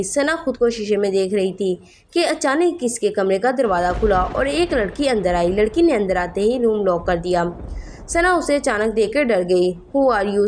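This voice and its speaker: A woman narrating a horror story as a storyteller, in a steady reading voice. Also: medium pitch, slight background noise.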